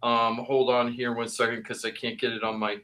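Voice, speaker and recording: A man's voice: medium pitch, level tone, pushed and bright. A man who is a regular co-host and real estate agent, chatting upbeat on a live radio show through a remote mic with strong reverb, like a big hall. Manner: upbeat and chatty, talks in quick asides. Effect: reverb, his mic sounds like a big echoey hall. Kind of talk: casual radio talk-show chat. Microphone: remote mic with audible reverb on a live radio broadcast. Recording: echoey remote feed on radio.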